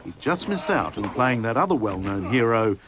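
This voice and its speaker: A male TV reporter giving brisk, scripted documentary narration and asking questions. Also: medium pitch, big pitch swings. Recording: noisy broadcast recording.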